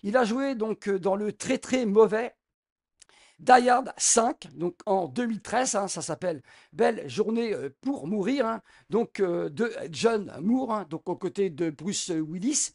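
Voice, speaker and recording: A man's voice: high voice, lively intonation, a little slow, vocal fry, darkish tone. A man reviewing a film in a casual vlog, talking with constant hesitations, fillers and restarts. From France. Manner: hesitant, heavy filler words, many restarts. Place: home room with film posters behind.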